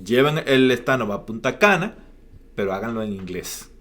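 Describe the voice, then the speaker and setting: A man's voice: mid-range voice, expressive, moderate pace, fairly bright tone, slight background noise. A man, co-hosting a casual podcast chat, playful and storytelling. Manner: playful, storytelling, frequent "ujú" backchannels. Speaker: podcast co-host. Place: lives in Canada, remote call.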